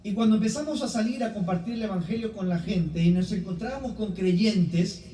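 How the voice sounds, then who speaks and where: Very high-pitched yet dark in tone, this voice belongs to a middle-aged man with an Ecuadorian Spanish accent serving as a guest preacher. He introduces himself and delivers a sermon to a church congregation. The distant-mic recording from the church hall is roomy, with faint background noise.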